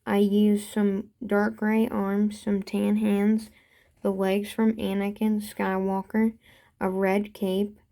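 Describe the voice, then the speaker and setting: Woman, casual show-and-tell host, slow talker, warm low tone, hedging. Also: vocal fry. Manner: relaxed, unsure, hedging asides. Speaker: toy-building channel host.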